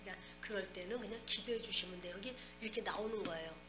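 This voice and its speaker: A woman pastor preaching a sermon, speaking directly to her congregation with lively asides. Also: mid-range voice, quick pace. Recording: echoey church hall with music behind.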